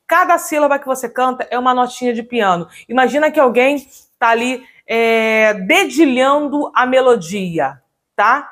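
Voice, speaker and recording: A woman's voice: on the high side, animated, moderate pace, fairly bright tone. A woman giving an upbeat online singing lesson as a vocal coach, often checking in with her viewers.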